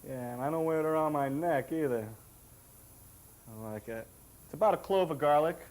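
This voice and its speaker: A man's voice: fairly high pitch, moderate pace, darkish tone. A man co-hosting a cooking demonstration on an old TV show, chatty and jokey, pleased with his own dishes. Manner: jokey, chatty, self-satisfied.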